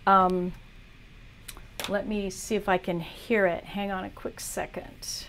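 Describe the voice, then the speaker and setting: A woman's voice: mid-range voice, little pitch movement, slow pace, a bit bright, slight background noise. A woman teaching art on a livestream, chatting casually as she talks viewers through a drawing demo. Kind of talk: live demo tutorial.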